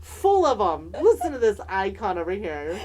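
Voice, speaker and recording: A woman's voice: medium pitch, sing-song, normal speed, a little mellow. A woman with a mid-range voice co-hosts a podcast. She is sassy and campy, throwing slang and playful swearing into casual, comedic storytelling that moves between read narration and chat. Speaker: podcast co-host.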